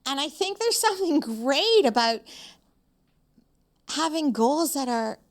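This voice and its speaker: A woman's voice: sits high, sing-song, a little slow. A woman in her seventies, a podcast interview guest, speaking frankly and emphatically with frequent "um" fillers. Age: 70s.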